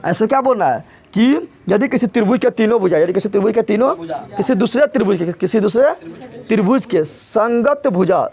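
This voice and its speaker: A man's voice: high voice, expressive, fast talker, a little mellow. A man teaching math to a live class, repeating key words three times and asking the class to echo them back. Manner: repetitive call-and-response questioning. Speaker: math tutor.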